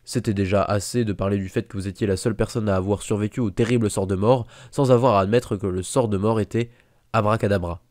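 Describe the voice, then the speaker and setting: A man reads a fan audiobook aloud in a steady, measured way. His voice is low and mellow, and the recording is dry and close with no room sound. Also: dry recording. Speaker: audiobook reader.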